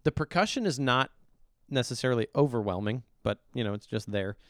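A man's voice: mid-range voice, animated, a little fast, no room sound, clean studio sound. A middle-aged man co-hosting a podcast, giving blunt, opinionated song reviews in casual chat. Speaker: podcast co-host reviewing songs.

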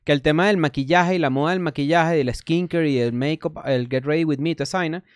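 A man chats on a live podcast, quick and eager to explain his theories. His voice is clear and resonant, slightly higher than most men's, and it sounds dry and close to the mic. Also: no echo. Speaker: podcast co-host. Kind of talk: casual live podcast chat.

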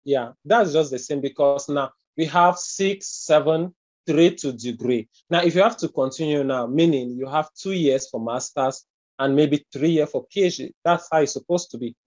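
A man from Cameroon with a Cameroonian accent, answering interview questions in a hesitant, unhurried way full of pauses and fillers. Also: fairly high pitch, darkish tone, no room sound, lo-fi sound. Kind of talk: casual conversational interview.

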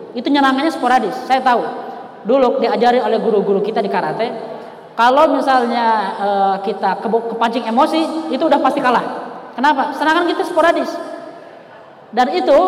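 A man preaching a storytelling sermon, animated and acting out the people he quotes. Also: very high-pitched. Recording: echoey hall with long reverb.

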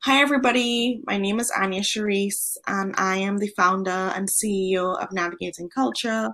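A young woman from Trinidad and Tobago, a guest on a podcast interview who talks in a friendly, animated way with frequent ums. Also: mid-range voice, normal speed. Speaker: guest, founder of an online platform.

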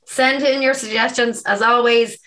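A woman's voice: a little high, steady tone, moderate pace, fairly bright tone. A young Irish woman co-hosting a podcast, chatting plainly and laughing often. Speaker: podcast co-host. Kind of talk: casual chat.

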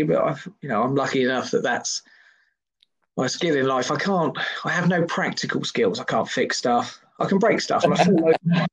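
A singer and comedian in his thirties chats casually as a podcast guest, rambling in a self-deprecating, jokey way. His voice is on the high side and slightly rough.

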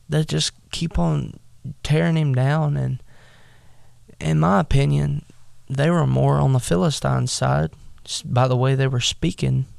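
A man preaching a casual, conversational sermon, mixing plain-spoken asides with slow scripture reading and many restarts. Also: on the high side, creaky, a little mellow, no echo, studio quality. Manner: many fillers and restarts while teaching. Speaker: minister preaching.

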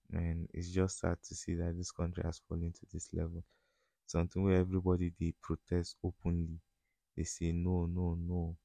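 A man's voice: low-pitched, mellow, no room sound. A man with a Nigerian accent chats casually as a solo podcast host, in informal, slangy speech that often slips into Pidgin.

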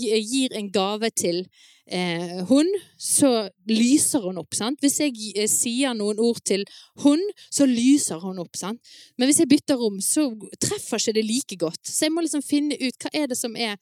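A woman speaking to parents at an evening event, telling stories in a lively, chatty way with frequent laughs. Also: fairly high pitch, no room sound, studio quality. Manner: many fillers and restarts, asks the audience "sant?". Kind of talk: live talk to an audience.

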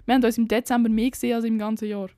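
Young woman, Swiss German accent, casual vlogger, chatty and frank, voice a bit high. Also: little pitch movement, racing, warm tone, clear, resonant tone, dry recording, studio quality. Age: young adult. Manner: chatty, slangy and candid. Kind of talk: casual chat.

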